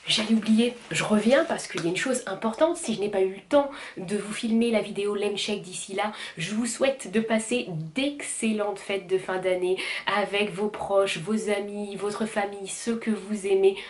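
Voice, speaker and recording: A woman in her thirties chats through a haircare vlog at home, with a mid-range voice. She laughs often and fills her pauses with "euh". The room sounds echoey, and children can be heard playing now and then. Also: medium pitch, a little hiss or hum. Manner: chatty, laughs often, many fillers. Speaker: beauty vlogger. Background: children playing in the background.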